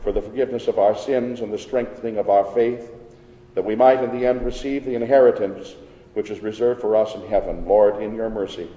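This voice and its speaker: A pastor reading prayers in a measured, solemn way, his voice carried by a cathedral echo. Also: lowish voice, steady tone, dark tone, slight background noise. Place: large church. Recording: reverberant church hall with organ.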